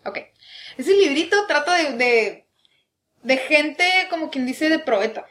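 A woman's voice: high voice, expressive, unhurried, a bit bright. A young woman with a northern Mexican accent, co-hosting a casual podcast chat and telling stories, often mimicking other people's accents. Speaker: podcast co-host.

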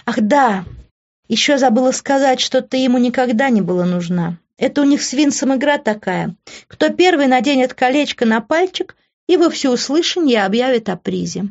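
A woman's voice: high voice, expressive, normal speed, a little mellow, dull audio, pitched above the performer's own voice. A woman voicing a spiteful, mocking young woman who taunts in a sneering tone. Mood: taunting.

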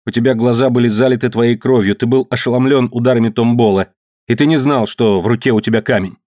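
A man's voice: medium pitch, fairly even intonation, fast, a little mellow, dry recording, studio quality, lightly acted. A man voicing a frightened but upright teenage boy giving a tense, earnest account.

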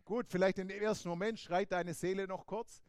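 Male preacher, high voice, emphatic with rhetorical questions, dry close recording. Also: steady tone, normal speed, darkish tone, no room sound. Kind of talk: sermon.

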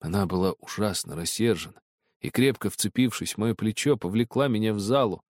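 A man with a low voice reads literary prose as an audiobook, measured and expressive. The recording is dry and close, with no room sound. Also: no room sound. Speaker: narrator.

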